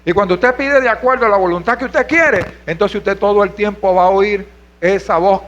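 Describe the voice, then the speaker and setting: A man's voice: sits high, normal speed, a bit bright, lo-fi sound. A man from Venezuela preaching a sermon as pastor, asking rhetorical questions and calling out to the congregation. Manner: preaching with rhetorical questions, calls of hermano and aleluya.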